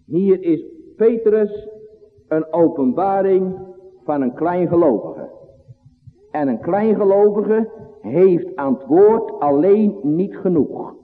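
A man preaching a sermon, his delivery swinging from loud to hushed in an old-fashioned cadence. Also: high-pitched, lively intonation, slow pace, long pauses. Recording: phone-like line in a long-reverb church.

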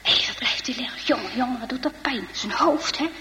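A woman telling a story to children in a lively way, with many asides to her listeners. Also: on the high side, brisk, in a large hall, very noisy.

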